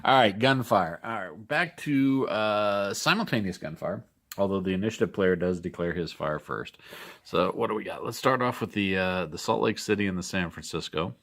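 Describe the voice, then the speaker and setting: Middle-aged Denver-raised hobby host, low gravelly voice, yawning and rambling through a board game turn. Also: male voice, normal speed. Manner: relaxed, rambling, yawning, thinks aloud. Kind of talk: casual wargame playthrough.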